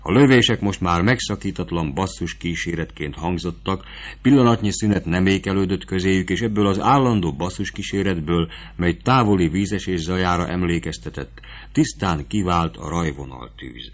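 A man reading a novel aloud as a narrator, in a steady, measured storytelling voice. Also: low voice.

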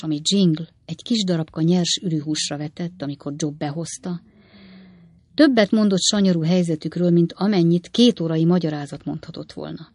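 Low-voiced woman reading a novel. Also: darkish tone, no room sound. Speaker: audiobook narrator. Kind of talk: novel read aloud.

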